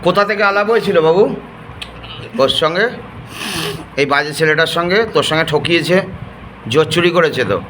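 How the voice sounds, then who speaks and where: Gently coaxing man, soft questioning. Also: on the high side, a little fast, pauses often, slight background noise. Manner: soft, coaxing, repeats endearments. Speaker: assistant at an exorcism ritual. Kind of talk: coaxing questioning of a possessed person.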